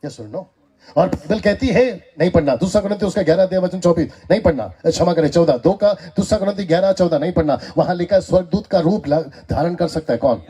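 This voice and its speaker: A man with an Indian accent giving a lively sermon in a church hall, teasing the crowd and calling for answers back. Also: high-pitched, quick pace, slightly rough. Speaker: preacher. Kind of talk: sermon with call-and-response.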